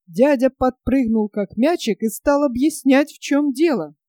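Woman narrating a story, higher voice, soft mellow tone, dry close sound. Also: a little slow, no room sound.

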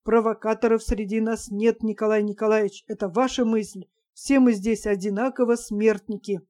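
A woman's voice: medium pitch, flat delivery, moderate pace, dark tone, close to an everyday voice. A woman voicing a bitter, reckless young male officer who talks bluntly and sardonically. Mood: urgent.

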